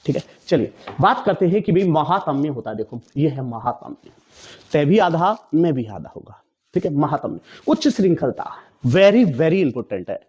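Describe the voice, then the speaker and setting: A man's voice: a little high, big pitch swings, normal speed, a little mellow, slightly rough. A male teacher coaching exam candidates on correct spelling. He keeps asking the class rhetorical questions, answers them himself, and repeats each word several times with heavy stress. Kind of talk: exam-prep spelling lesson.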